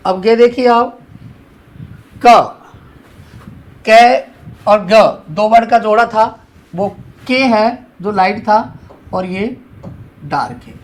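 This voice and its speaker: Male shorthand tutor, high voice, unhurried, drills by repeating each point. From India. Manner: repetitive, asks and answers his own questions. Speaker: shorthand teacher. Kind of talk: classroom lesson, explaining at a board.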